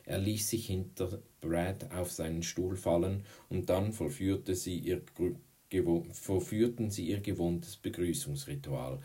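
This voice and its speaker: A man narrating an audiobook in a measured, steady way. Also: low voice. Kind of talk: audiobook reading.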